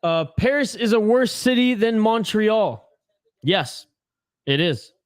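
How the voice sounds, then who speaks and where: A fairly high-voiced young Canadian man runs a casual hockey watch-along stream, talking slowly with lively intonation. Loose and profane, he answers viewer comments aloud, and the dry recording captures him up close with no room sound.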